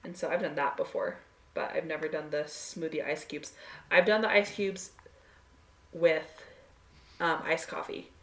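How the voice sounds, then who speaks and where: Woman doing casual podcast chat, slightly low voice. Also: a little slow, long pauses, a bit bright. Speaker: podcast co-host.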